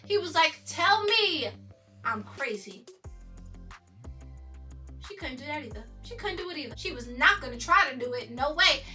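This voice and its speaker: A woman with a high, bright voice gushes through a casual episode recap, full of slang and asides to her viewers. She sounds a little away from the mic, with faint music playing underneath. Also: fast talker, few pauses, recorded from a distance. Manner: excited, chatty, slangy, addresses viewers as y'all.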